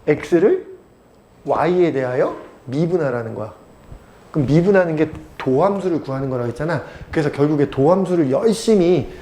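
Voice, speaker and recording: A man's voice: on the high side, mellow, slight background noise. A male math teacher giving a casual, blunt lecture, teasing his students and constantly quizzing them.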